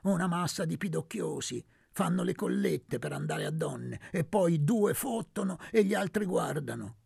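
A woman's voice: on the low side, animated, normal speed, vocal fry, warm tone, slightly rough, dry recording, clean studio sound, voice pushed up, heavily acted. A man voicing a contemptuous woman of about thirty, scornful and bitter in an audiobook reading. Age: 30s. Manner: scornful, spiteful. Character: bitter, contemptuous young prostitute.

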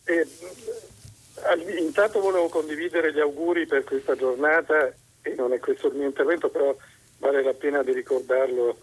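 A man calling in to a radio show over a telephone line, hesitant and searching for his words with frequent pauses and restarts. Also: fairly high pitch, steady tone, slightly rough. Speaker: radio call-in listener. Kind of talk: call-in question to a radio host.

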